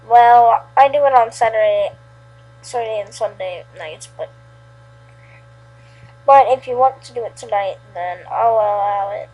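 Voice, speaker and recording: A woman voicing a reserved male pizzeria manager who speaks quietly. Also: fairly high pitch, a little slow, long pauses, highs cut off. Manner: quiet, private tone.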